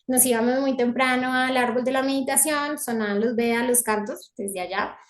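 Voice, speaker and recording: A Colombian woman with a high voice tells her story in an echoing room, reflective and heartfelt, often circling back to restart a thought. It sounds like a personal testimony shared with a gathering. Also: steady tone, normal speed. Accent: Colombian Spanish. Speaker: devotee sharing testimony.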